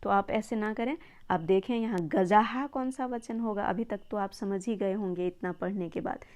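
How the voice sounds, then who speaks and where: A woman teaches a children's Sanskrit lesson in a patient, encouraging way. She slows down and repeats words to show their exact pronunciation, in a voice of ordinary middle pitch. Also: darkish tone. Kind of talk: explaining a textbook lesson to children.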